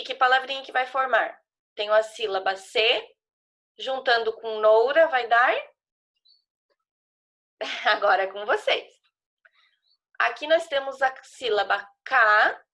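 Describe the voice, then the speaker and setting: A female primary school teacher with a Brazilian Portuguese accent leads a remote class, patiently guiding young children through a worksheet and spelling out syllables. Her voice is on the high side, pushed and bright.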